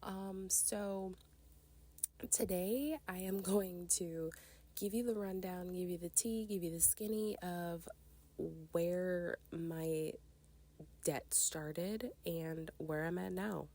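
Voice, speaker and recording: A woman's voice: lowish voice, fairly even intonation, slow, dark tone. A woman in her twenties hosting a casual solo podcast, sounding nasal and congested from a cold, chatty and rambling. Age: 20s. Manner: chatty, rambling, with fillers and laughs. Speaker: podcast host.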